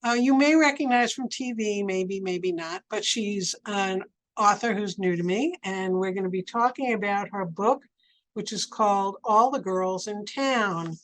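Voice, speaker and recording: A woman's voice: medium pitch, a little slow, poor audio. Woman hosting, mid-range voice. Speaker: host of a book show. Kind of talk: casual interview hosting.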